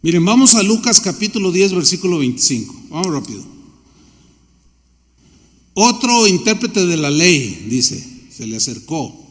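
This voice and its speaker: A man's voice: high-pitched, sing-song, normal speed, big-room sound. A man preaching a sermon as pastor, talking in a conversational way and acting out bits of dialogue.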